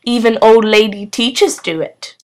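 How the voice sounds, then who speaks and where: A woman playing a bright, cheerful teacher. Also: a little high, moderate pace, close to an everyday voice. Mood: amused. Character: kind, jolly woman schoolteacher, middle-aged.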